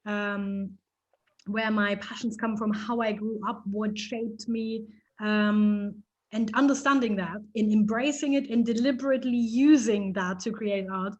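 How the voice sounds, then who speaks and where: A woman from East Germany, a photographer, telling stories in a casual interview with lively restarts and laughter. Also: medium pitch, unhurried, highs cut off. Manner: animated storytelling, frequent restarts and laughs.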